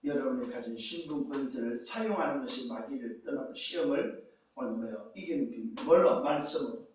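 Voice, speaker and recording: A man's voice: mid-range voice, fairly quick, a little mellow, a little hiss or hum. A man preaching a sermon as pastor, emphatic, firing rhetorical questions at the congregation. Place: church sanctuary. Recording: echoey church hall from far off.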